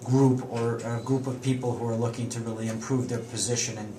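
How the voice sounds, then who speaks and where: A man's voice: mid-range voice, steady tone. A man co-hosting a radio interview, asking long, leading questions. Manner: quick, wordy, leading questions. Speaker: radio co-host. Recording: echoey room with hiss.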